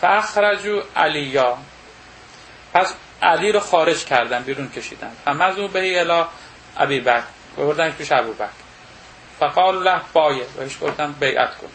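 Man slowly reading and explaining a text. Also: on the high side, animated, fairly bright tone, a little hiss or hum, poor audio. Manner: reads a passage slowly, then paraphrases it casually; thinking aloud with pauses and self-corrections. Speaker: lecturer.

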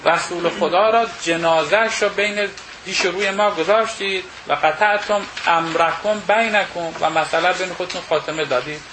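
A male lecturer reads a religious text slowly, then paraphrases each passage casually, thinking aloud with pauses and self-corrections. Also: sits high, background noise. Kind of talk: reading and explaining a religious text.

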